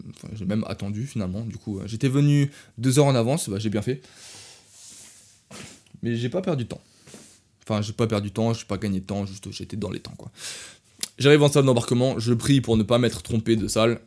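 A young man hosting a podcast, telling a travel story in a casual, animated way and talking straight to listeners. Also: on the low side. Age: young adult. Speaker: podcast host.

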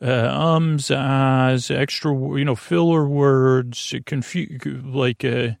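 A podcast host with a medium-pitched, steady, heavily creaky voice full of vocal fry rambles through a bedtime monologue. He wanders onto tangents, stops and restarts, and trips over his words in a meandering, halting, digressive way. The recording is dry, with no room echo.

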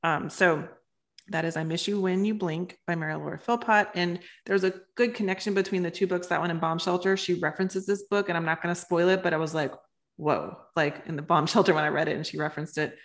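Woman, podcast co-host, lowish voice, chatty, slightly hoarse. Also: steady tone, quick pace. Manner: chatty, reads passages aloud, laughs easily. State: losing her voice. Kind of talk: casual book-talk podcast.

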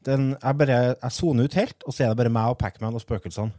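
A man's voice: medium pitch, fairly even intonation, dark tone, no echo, clean studio sound. A man of forty presenting a podcast in a casual, chatty style. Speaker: podcast host.

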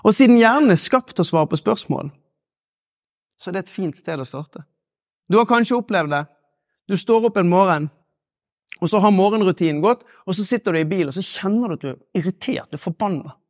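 A man giving a live motivational talk to an audience, leading a guided exercise with slow, measured pauses. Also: high-pitched, animated, no room sound, clean studio sound. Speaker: motivational speaker.

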